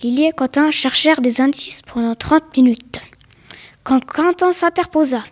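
High-voiced woman reading a story aloud. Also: normal speed. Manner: plain storytelling read with small stumbles and repeated words.

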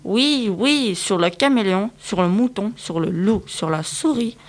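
A woman narrating a children's picture-book audiobook in a lively, engaging way, speaking directly to young listeners. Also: mid-range voice, a little slow.

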